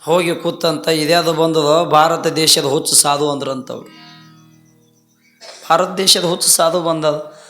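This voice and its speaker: A man preaching a folksy sermon, telling a story and acting out its dialogue, often rising into loud emphatic peaks. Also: on the high side, fairly even intonation, a little slow, long pauses. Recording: echoey hall with faint music.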